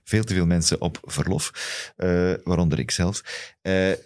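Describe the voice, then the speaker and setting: A man with a low-pitched voice and a Flemish Belgian accent. He talks as a podcast host in loose, colloquial football chat, telling stories as he goes. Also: moderate pace, a little mellow.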